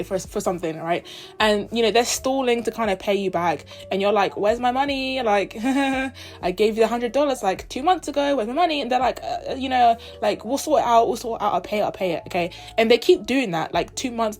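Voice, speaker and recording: A woman's voice: mid-range voice, darkish tone. A 21-year-old woman from the United Kingdom and Zimbabwe, ranting casually in an opinion vlog. She talks in an emphatic, indignant way and mimics other people in quoted asides. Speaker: vlogger.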